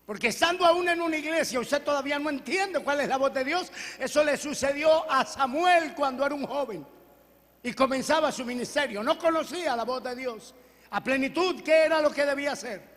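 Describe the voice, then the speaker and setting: Male pastor, high voice, preaching with call-and-response, long hall reverb. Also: brisk, fairly bright tone. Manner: preaching with call-and-response questions and Bible reading. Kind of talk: sermon. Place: church hall.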